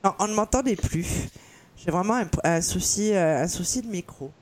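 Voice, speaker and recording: A woman's voice: medium pitch, lively intonation, normal speed. A woman hosting a show about psychic readings who talks hesitantly, with many fillers and asides, over a faulty microphone. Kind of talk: casual online show chat. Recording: faulty mic with crowd noise.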